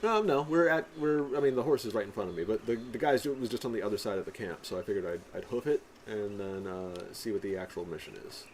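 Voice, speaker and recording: A man's voice: fairly low pitch, expressive, fast talker, hardly any pauses, slight background noise. A man giving casual gameplay commentary as host. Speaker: gamer host.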